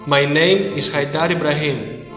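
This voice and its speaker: A man reading a documentary voice-over translation in an even, scripted way. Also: on the high side, a little slow, roomy sound, long reverb tail, music in the background.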